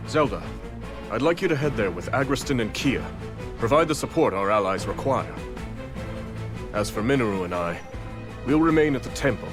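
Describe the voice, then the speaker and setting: A man's voice: on the low side, natural voice. A man playing a solemn, regal warrior king in a video game cutscene. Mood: grave, resolute.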